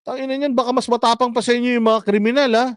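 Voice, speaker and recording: A man's voice: very high voice, little pitch movement, fast talker, smooth, dry recording, studio quality. A man hosting his own vlog, delivering a sarcastic political commentary rant and swearing often. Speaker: vlogger host.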